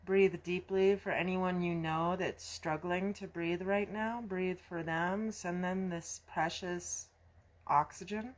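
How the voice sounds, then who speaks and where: Slow, soft-spoken woman guiding breathing. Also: fairly low pitch, fairly even intonation. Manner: slow, soft, soothing guidance. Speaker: yoga instructor. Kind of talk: guided breathing instruction.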